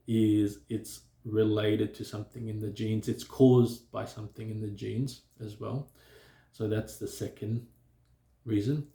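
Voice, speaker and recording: In a reflective talk to camera, a man with a stutter moves slowly and hesitantly, often halting, filling gaps, and starting over. He's a vlogger with a low, gravelly, mellow voice, recorded in a room with noticeable echo.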